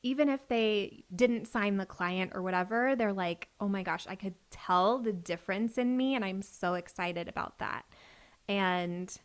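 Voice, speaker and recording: This is a casual podcast conversation led by a host in her thirties who is also a business coach. She chats with her guest at a measured pace in a medium-pitched voice, frequently dropping in "like" as filler.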